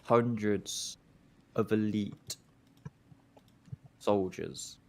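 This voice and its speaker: A woman with an unusually deep voice narrates a tabletop game as its game master. She speaks slowly and evenly, with faint hiss in the background. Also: vocal fry, darkish tone.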